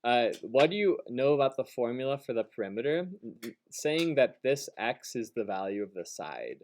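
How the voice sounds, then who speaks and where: A man teaching a math class, joking with students and then giving brisk, directive instructions. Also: mid-range voice, big pitch swings, darkish tone.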